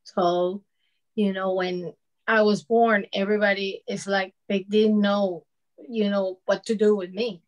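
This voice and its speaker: Speaking on a discussion panel about her own experience, a woman in her fifties from Venezuela talks conversationally with a Venezuelan Spanish accent and frequent "you know"s. Her mid-range voice shows little pitch movement and keeps a measured pace. The recording has its highs cut off.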